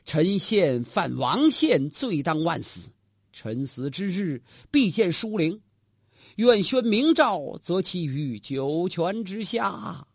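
A male storyteller slips into a sobbing prince pleading before the throne, crafty under the tears. His old-style court phrases come slow and low. The sound is dry and close. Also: big pitch swings, gravelly, slightly rough, no echo, exaggerated voice. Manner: slow, formal, classical court speech. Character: tearful pleading imperial prince, cunning.

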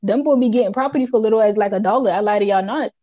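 A woman's voice: medium pitch, rapid-fire, no room sound, dull audio. A woman with a Charleston Gullah Geechee accent chats casually as a podcast co-host, emphatic, colloquial and unfiltered, often repeating herself for weight. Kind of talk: casual opinionated chat.

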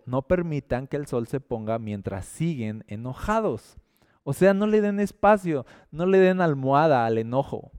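A man preaching a sermon in a lively, conversational way, acting out little quoted exchanges and slowing to a hushed tone for serious points. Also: medium pitch, smooth, dry recording, studio quality.

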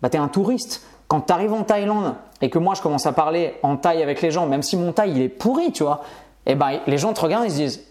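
A man telling stories in a casual conversation, slangy and animated, often adding "tu vois". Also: a little high, fairly quick.

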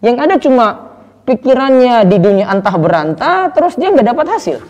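Male religious teacher, casual Q&A, animated intonation, reverb-heavy sound. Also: very high-pitched, a little fast, muffled recording. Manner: explains with everyday examples, keeps addressing the asker. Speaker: religious teacher answering questions. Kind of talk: casual explanatory Q&A.

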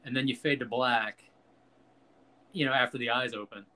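Bright-voiced man riffing casually. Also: mid-range voice, steady tone, normal speed. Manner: loose, profane, laughs at own jokes. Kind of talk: casual film chat.

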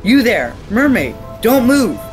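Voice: medium pitch, expressive, moderate pace, natural voice. An actor playing an urgent, pragmatic pirate crewmate in an audio drama. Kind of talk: theatrical audio drama acting. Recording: music behind the voice.

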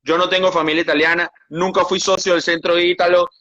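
A man's voice: high-pitched, a little fast, dull audio. A man with a Venezuelan accent, a sports journalist telling his stories in a casual interview with frequent restarts. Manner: animated storytelling with frequent restarts.

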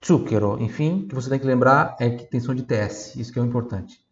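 A man teaching Italian pronunciation, patiently explaining and slowly repeating phrases for learners to echo. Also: mid-range voice, dull audio. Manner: slow, drilling repetition of phrases. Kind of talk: online language lesson.

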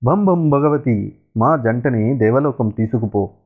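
A man voicing a smug young son-in-law with magic powers, chanting his spells slowly and loudly, on a tinny, phone-like recording. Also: medium pitch, animated, soft background music, natural voice. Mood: commanding chant.

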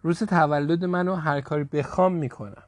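A man voicing a bratty, sulky young boy who whines and shouts complaints in a storybook reading. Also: on the high side, steady tone, no room sound, voice pushed up, lightly acted.

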